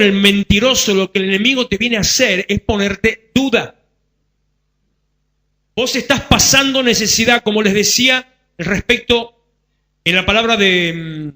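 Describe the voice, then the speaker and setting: A male pastor with a Rioplatense accent preaches in a loose, conversational way. He drives points home by repeating phrases and breaks in with joking asides to the church. His voice sits high and sounds bright and ringing. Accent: Rioplatense Spanish. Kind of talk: sermon.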